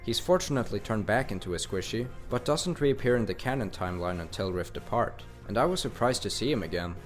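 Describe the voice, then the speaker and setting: A man's voice: on the low side, lively intonation, quick pace, faint music behind. A man narrating a scripted countdown of favorite video game characters, enthusiastic with casual slang.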